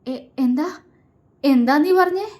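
A woman's voice: on the high side, moderate pace, close to an everyday voice. Scared middle-aged uncle, as a woman reads him, stammering, fearful, storybook character. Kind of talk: storybook reading.

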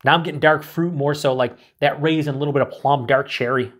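Alone in a small room, a middle-aged man reviews a beer to camera, talking fast and excitedly in a fairly high voice. The casual solo review is chatty, full of swearing, with occasional drops into breathy whispers.

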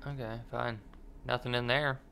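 Bright-voiced man muttering through a game. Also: medium pitch, fairly even intonation, normal speed, vocal fry, faint music behind. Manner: muttering asides to himself and the game, swearing. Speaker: horror game streamer. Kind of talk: casual gameplay commentary.

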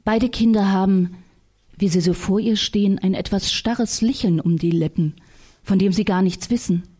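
A woman reading literary prose aloud in a staged reading, telling it in a calm, measured way. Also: mid-range voice, slightly rough. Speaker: reader.

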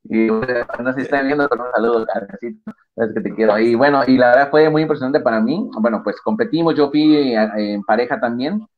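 A man's voice: mid-range voice, quick pace. Man, rambling storyteller, video call voice, muffled lo-fi sound, faint music behind. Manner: rambling, storytelling with many fillers. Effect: lo-fi video call audio. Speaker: guest salsa dancer. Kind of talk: live-stream interview. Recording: dull lo-fi video call audio.

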